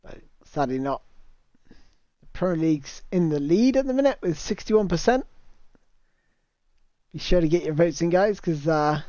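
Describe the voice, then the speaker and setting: A man runs a casual game livestream, reading viewer comments, chatting and laughing easily into a new cheap microphone. He sounds animated, with a fairly high, dark voice at a measured pace and frequent pauses. The recording is a dull, dry lo-fi mic with no echo.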